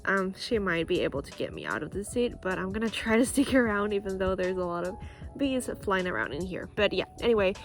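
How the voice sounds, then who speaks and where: An early-twenties vlogger from Costa Rica, a native Spanish speaker, earnestly tells a personal story to camera on a school playground near a road. Her medium-pitched voice is animated and a little fast, with music and possibly passing cars and birds in the background.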